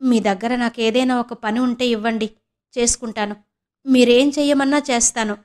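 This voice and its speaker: A cheeky young niece and student in an audiobook, as a woman narrator voices her, teasing and grumbling in quick, chatty asides. The voice is fairly high and lively. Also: close to an everyday voice. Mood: earnest.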